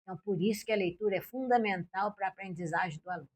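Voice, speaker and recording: A woman's voice: mid-range voice, fast, darkish tone, breathy edge. An older woman from Brazil, a former school principal and Portuguese teacher, telling classroom stories in an interview and acting out her own and her pupils' lines. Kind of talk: interview, recalling classroom experiences.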